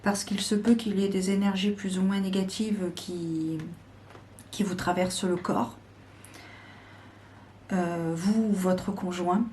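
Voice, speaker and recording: A woman giving a slow, deliberate weekly tarot guidance, with frequent pauses and hesitations. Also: medium pitch, flat delivery, mellow, slight background noise. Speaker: tarot reader.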